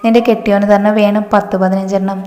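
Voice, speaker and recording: A woman's voice: medium pitch, level tone, fast, mellow, close to an everyday voice. A woman voicing a spiteful, scornful older mother-in-law who scolds and sneers. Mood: sneering. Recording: echoey room, faint music.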